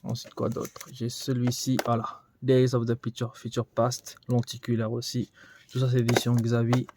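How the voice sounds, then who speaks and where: A man gives a relaxed tour of his collection for a vlog. He rambles and thinks out loud, with frequent fillers as he moves from shelf to shelf. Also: medium pitch, moderate pace, background noise. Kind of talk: casual room tour vlog. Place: indoors in a collection room.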